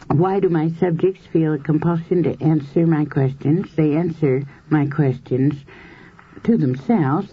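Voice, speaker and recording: A woman researcher giving a measured, explanatory lecture to a group, walking through everyday examples with the odd filler. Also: sits low, slightly rough. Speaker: hypnosis and past-life researcher lecturing. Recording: dull lo-fi 1970s tape recording.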